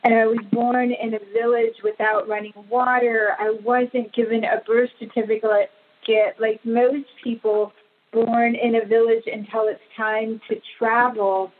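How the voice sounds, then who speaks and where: A woman from Pakistan, a guest in an interview, telling her life story in a slow, earnest, reflective way. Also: on the high side, flat delivery. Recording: phone-like narrow audio.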